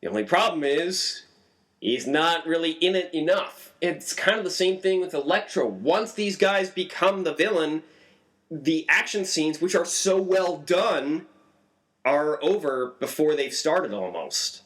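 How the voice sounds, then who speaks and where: A man giving a casual, animated movie review, swinging his voice up for emphasis. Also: a little high, unhurried. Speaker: film reviewer.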